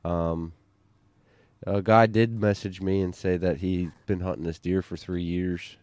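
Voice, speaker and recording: A man's voice: sits low, fairly even intonation, measured pace, darkish tone, no room sound. A man in casual podcast chat, telling a story in a rambling way with lots of fillers and restarts. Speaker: bowhunter on a hunting podcast.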